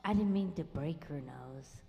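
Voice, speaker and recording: A woman singer-songwriter telling wry, self-deprecating autobiographical stories with hushed asides in a live musical revue on a small club stage. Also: sits low, expressive, a little slow, creaky, big-room sound.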